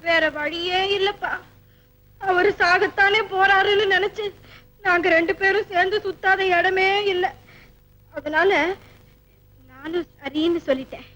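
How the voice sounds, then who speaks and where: A woman's voice: extremely high pitch, fairly even intonation, measured pace, pauses often, bright, forceful tone, heavily acted, poor audio. An actress playing an earnest, easily upset young woman in a film comedy, pleading and tearful. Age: young adult.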